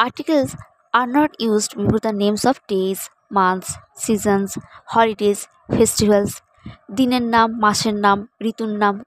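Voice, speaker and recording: A woman teacher with a Bengali accent giving a grammar lesson, reading example sentences slowly and deliberately, then explaining them more quickly. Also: mid-range voice, no room sound, rough recording. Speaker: English teacher. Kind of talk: slow, measured grammar lesson.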